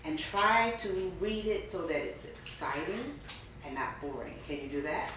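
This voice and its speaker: A woman teaching a speech club class, speaking expressively with lots of emphasis and rising and falling tone. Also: a little slow. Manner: expressive, varies pitch and emphasis. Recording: very echoey room.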